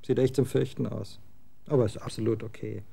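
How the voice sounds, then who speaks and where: Husky and marked by vocal fry, a man's mid-range voice plays a scornful twenty-year-old in a German radio drama. The moody rocker son speaks bluntly in slang and is quick to get heated.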